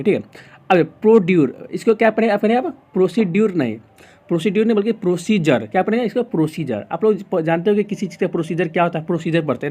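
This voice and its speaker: Casting: high-voiced Indian man as tutor; poses a question, answers it, repeats the rule. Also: darkish tone. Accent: Indian English. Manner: asks the class questions and answers them himself, repeats rules. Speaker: English pronunciation teacher. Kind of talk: explaining lesson in Hindi.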